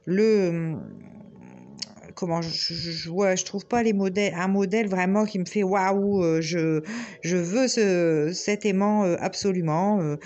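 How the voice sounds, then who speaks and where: A woman's voice: lowish voice, steady tone, measured pace, darkish tone, highs cut off. A woman from northern France with a Ch'ti accent, chatting casually to her viewers in a hesitant, rambling way full of fillers. She has a head cold and a sore throat, so her voice sounds stuffy, nasal and slightly hollow. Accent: northern French (Ch'ti). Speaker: crafting vlogger.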